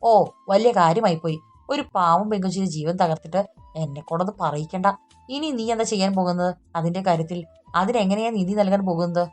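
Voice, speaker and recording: A woman's voice: lowish voice, a little fast, soft background music, close to an everyday voice. Woman voicing a scornful, angry young man. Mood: scornful anger. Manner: sharp, scornful.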